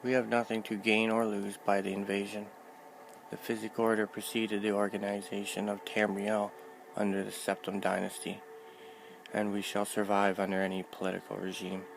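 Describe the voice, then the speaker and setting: A man voicing the proud male leader of a mage order, speaking loudly and proudly. Faint background noise. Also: fairly low pitch, completely flat delivery, normal speed, creaky, poor audio.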